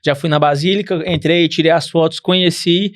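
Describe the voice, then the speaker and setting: A man's voice: on the high side, steady tone, fairly quick. A man with a Brazilian Portuguese accent, a podcast guest telling a rambling travel story with many restarts. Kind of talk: casual interview.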